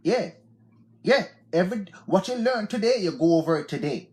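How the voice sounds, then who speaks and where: A man's voice: high-pitched, animated, normal speed, darkish tone. A man in his forties with a Jamaican accent who hosts an unscripted live stream and gives motivational talk in a loose, repetitive way, often saying "yeah, man". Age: 40s.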